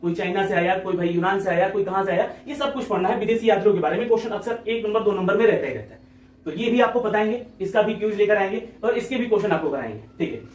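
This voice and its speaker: A man teaching an exam-prep lecture, talking quickly and repetitively, often checking in with his listeners. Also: high voice, lively intonation, darkish tone, reverberant, recorded from a distance.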